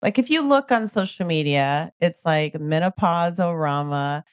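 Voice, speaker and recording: A middle-aged woman hosts a casual podcast chat in a scratchy, fairly low voice. She talks chattily and laughs easily. The sound is dry and close, with no room behind it. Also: a little slow, clear, resonant tone, no room sound. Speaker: podcast host.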